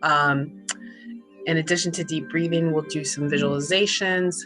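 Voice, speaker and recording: A woman working as a holistic business coach, explaining her services and then slowly guiding a breathing and body scan session. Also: sits low. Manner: calm, slow guided breathing instructions. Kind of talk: guided mindfulness session. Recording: faint relaxing music behind. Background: soft relaxing music.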